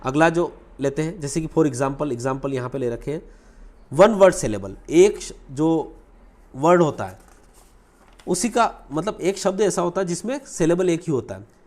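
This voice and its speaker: A male grammar teacher with a slightly high, animated voice explains in Hindi sprinkled with English terms, slowly repeating key words. His delivery is lively and teacherly, and he poses questions only to answer them himself.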